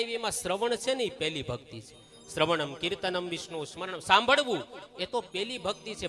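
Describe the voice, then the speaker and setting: A woman giving a devotional sermon at a temple gathering, telling stories and acting out the people in them. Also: mid-range voice. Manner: animated storytelling, acting out quoted people. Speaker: religious discourse speaker.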